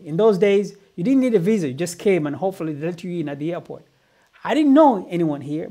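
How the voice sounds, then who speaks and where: A man's voice: high-pitched, dark tone. A middle-aged man from Uganda giving a motivational business talk, telling his life story earnestly and often repeating words. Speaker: business coach.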